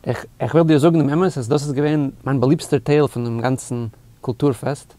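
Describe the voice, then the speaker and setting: A man's voice: mid-range voice, fairly even intonation, a little fast, warm tone, no echo. A man co-hosting a casual chat, friendly and asking his partner questions. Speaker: podcast co-host.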